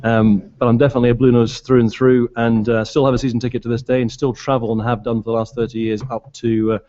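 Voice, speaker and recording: A middle-aged man from Glasgow with an anglicised British accent, giving a halting, unscripted speech at a public meeting. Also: mid-range voice, flat delivery, mellow. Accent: British, anglicised by years in southern England. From Glasgow, Scotland. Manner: halting, hesitant. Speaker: board candidate addressing fans. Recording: dull, lo-fi meeting recording.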